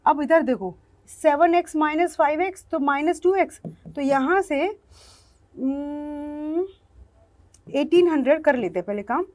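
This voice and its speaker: A woman's voice: high-pitched, measured pace, pauses often, darkish tone. A woman maths teacher, explaining step by step and putting questions to her students. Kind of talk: online maths lesson.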